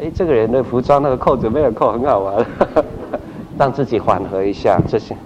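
Middle-aged male pastor, animated teacher who acts out his examples, muffled lo-fi audio with loud noise behind. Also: medium pitch, fairly quick. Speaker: pastor teaching group leaders. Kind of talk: church training talk. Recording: dull recording with loud background noise.

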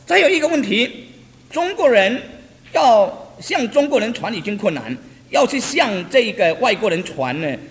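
A man's voice: sits high, moderate pace. A man preaching a testimony sermon, telling stories animatedly, repeating phrases and chuckling. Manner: repetitive, animated storytelling with chuckles. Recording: reverberant hall, faint noise.

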